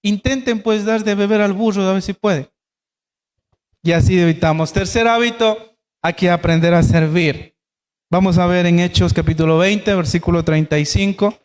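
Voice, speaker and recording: Male pastor, high voice, preaching to a congregation, long reverb of a church. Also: moderate pace. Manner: preaching with rhetorical questions to the congregation. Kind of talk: sermon.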